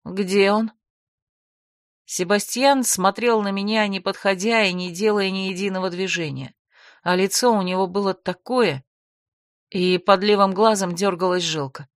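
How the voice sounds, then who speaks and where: A woman's voice: medium pitch, fairly even intonation, normal speed, no echo. A woman narrating a fantasy audiobook in the first person, dry and matter-of-fact.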